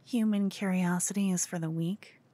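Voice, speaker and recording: In a lowish, dark voice close to her everyday one, this woman plays a cute human fangirl in an ASMR roleplay, with fairly even intonation at a normal speed. The character is obsessed, nervous and defiant, stammering, flustered yet brazen, breathy, and often dropping to a whisper.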